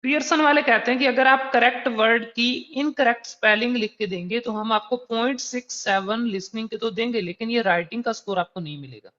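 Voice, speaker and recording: A man with a very high, pushed, bright voice teaches an exam preparation lesson fairly quickly, with hardly any pauses. In this recorded online lesson, he explains patiently and conversationally through worked examples. The recording is dull and slightly lo-fi.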